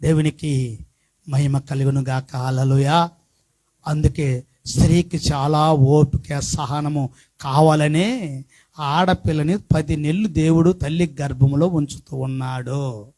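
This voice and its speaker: A middle-aged pastor delivers a sermon in a high-pitched male voice. He poses questions to the congregation and swings from soft, conversational asides to loud, shouted passages. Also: steady tone, slow pace, long pauses. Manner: swings from quiet talk to shouted preaching.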